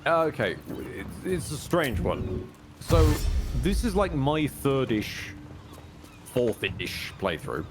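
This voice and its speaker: A man's voice: mid-range voice, very animated, slow pace. A man giving casual gameplay commentary as a streamer. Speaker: video game streamer. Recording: game music clearly behind voice. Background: game music.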